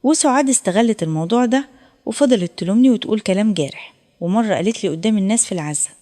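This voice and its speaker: An Egyptian woman tells an emotional first-person story at a quick, unbroken clip. Her voice is dark and mellow, and her delivery is steady and heartfelt. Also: medium pitch. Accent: Egyptian Arabic. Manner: emotional, tearful retelling in a steady flow.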